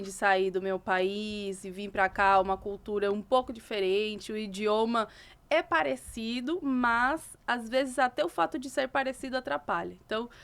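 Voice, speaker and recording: A woman's voice: fairly high pitch, clean tone. A Cuban-born woman who speaks Portuguese with a Cuban Spanish accent, Spanish being her first language, telling her story as a guest in an interview. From Cuba. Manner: animated, laughs often while telling stories.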